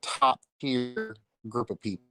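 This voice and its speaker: A livestream host dishes casual celebrity gossip in a sassy, catty, blunt, slangy style. His medium-pitched voice is sharp in tone, fairly even in intonation, and slow.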